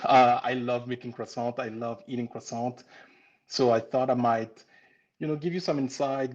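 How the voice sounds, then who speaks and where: Heard through a computer mic on a live stream, a warm, chatty Frenchman in his forties, with a French accent, hosts a casual pastry-making webinar. He keeps restarting his sentences and saying "um." His mid-range voice sounds muffled.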